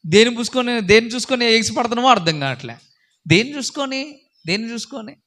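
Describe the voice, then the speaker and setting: Male preacher, high bright voice, emphatic, repeats questions, sermon. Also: expressive, quick pace. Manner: emphatic, repetitive questioning, rising to shouts; acts out characters in a story with changed voices.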